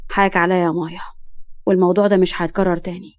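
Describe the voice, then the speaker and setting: A woman voicing a stern, angry middle-aged father who scolds forcefully, with an Egyptian accent. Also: on the low side, level tone, rapid-fire, close to an everyday voice. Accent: Egyptian Arabic.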